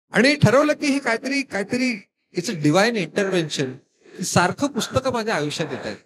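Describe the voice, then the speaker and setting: A man with a Marathi accent giving a motivational storytelling speech at a school function, talking in an animated, dramatic way. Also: measured pace. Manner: animated, dramatic storytelling with a lot of pitch play. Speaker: motivational speaker.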